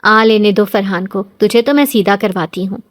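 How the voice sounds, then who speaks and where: Woman playing a shrill scolding mother-in-law. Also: lightly acted. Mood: shouting. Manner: shouting, scornful.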